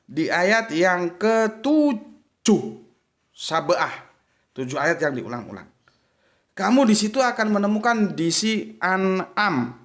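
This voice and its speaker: A man with a fairly high voice teaches his viewers in a relaxed, conversational way. He is chatty and emphatic. His pitch leaps up and down to drive his points home. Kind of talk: casual spoken lesson.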